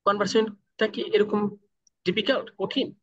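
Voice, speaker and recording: A man teaching freelancers in an online class, asking the class questions and then answering them himself, with slow, deliberate English phrases mixed in. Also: high-pitched, level tone, fairly bright tone, no echo, muffled recording. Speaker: freelancing trainer. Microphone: video call.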